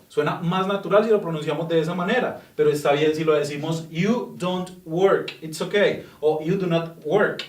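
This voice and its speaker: A man giving a patient, explanatory English grammar lesson, repeating example sentences slowly. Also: sits high, echoey room, distant mic. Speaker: English teacher.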